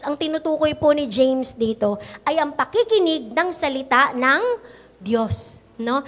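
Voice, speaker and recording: Filipino woman pastor, high voice, Taglish sermon, tag questions, slows for emphasis. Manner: mixes Tagalog and English, frequent "no?" and "di ba?" tags; slows to stress key phrases.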